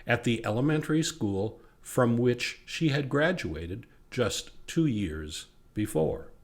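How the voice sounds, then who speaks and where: A man's voice: medium pitch, lively intonation, slow pace. A man with an American accent reading scripted local history narration.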